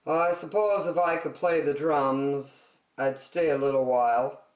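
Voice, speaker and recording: A woman voicing a sleepy, grumbling but willing bear in a children's picture book, with deliberate emphasis. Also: low-pitched, fairly even intonation, darkish tone, pitched below the performer's own voice. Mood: reluctantly willing. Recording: roomy, echoey, distant microphone.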